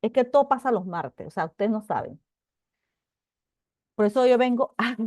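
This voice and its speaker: A middle-aged woman giving a casual testimony to a Bible class. She talks in an animated, chatty way, full of asides and restarts. Her voice is warm and mellow, and the room sound is dry and close. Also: mid-range voice, dry recording.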